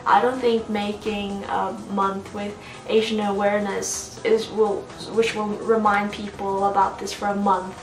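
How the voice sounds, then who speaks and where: A woman's voice: mid-range voice, little pitch movement, a little slow, hardly any pauses, soft background music. A young woman from Norway, an international student, answering interview questions in a reflective way and searching for her words. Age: young adult. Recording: echoey room, mic at a distance.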